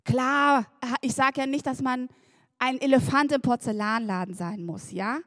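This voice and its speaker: A high-voiced woman delivers a sermon in a lively, chatty way, turning often to speak directly to her listeners. Her voice sits dry and close, with hardly any room sound around it. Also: measured pace, no room sound. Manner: lively and chatty, laughs and addresses the congregation directly. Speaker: preacher.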